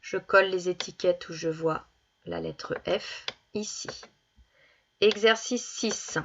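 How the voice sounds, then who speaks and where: A woman teaching young children, reading words slowly and clearly and stressing each one as she goes through worksheet exercises. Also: fairly low pitch, a bit bright, highs cut off, a little hiss or hum. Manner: slow, deliberate, stresses each word. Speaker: primary school teacher.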